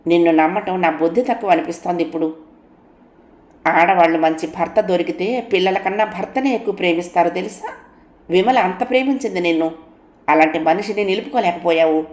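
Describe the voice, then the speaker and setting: A woman's voice: on the low side, fairly quick, a little mellow, echoey room, natural voice. A woman voicing an indignant elder brother who scolds his sister's husband reproachfully. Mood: scolding.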